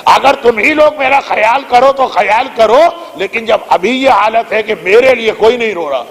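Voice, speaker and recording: A man's voice: extremely high pitch, fairly bright tone. A man voicing a dying young man who bitterly reproaches his weeping family, delivered in a pleading tone. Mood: anguished reproach. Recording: echoey hall reverb.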